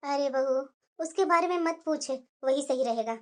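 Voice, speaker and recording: A woman's voice: sits high, moderate pace, darkish tone, close to an everyday voice. Woman voicing a complaining old grandmother. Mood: lamenting. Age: older. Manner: lamenting, plaintive. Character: old grandmother, worried and complaining mother-in-law.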